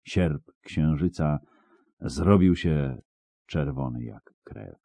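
A man's voice: extremely low pitch, takes it slowly, vocal fry, warm tone, dry recording. A man narrating an audiobook in a dramatic, vivid storytelling manner, close to the mic.

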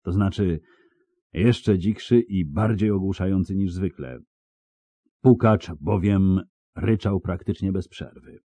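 Slow, dark-voiced male audiobook narrator. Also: deep voice, dry recording, lo-fi sound. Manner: steady storytelling delivery. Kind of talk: scripted narration.

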